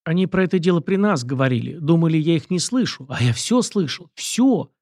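A man's voice: a little high, animated, fast, a little mellow, no echo, studio quality, voice pushed up. A man voicing a frightened, ragged ten-year-old street boy who pleads in rustic speech. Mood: urgent.

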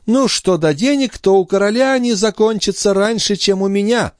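A man reading an audiobook, voicing a haughty, hot-tempered royal favourite in a shrill, imperious voice. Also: a little mellow, dry recording, studio quality, natural voice. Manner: shrill, imperious, quick to anger.

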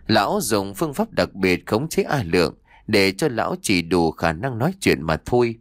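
A man narrating a fiction audiobook in an expressive storytelling manner. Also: lowish voice, normal speed, dry recording.

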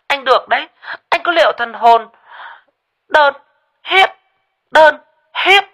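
Guy doing a squeaky jealous girlfriend voice, high, bossy and menacing. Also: animated, brisk, creaky, sharp tone, exaggerated voice. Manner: sweet then menacing, high and clipped. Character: jealous threatening young girlfriend.

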